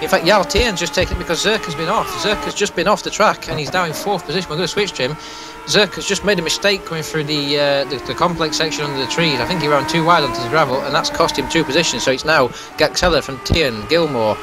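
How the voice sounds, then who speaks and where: A man's voice: on the high side, fast talker, rough recording. A man giving live motorsport race commentary.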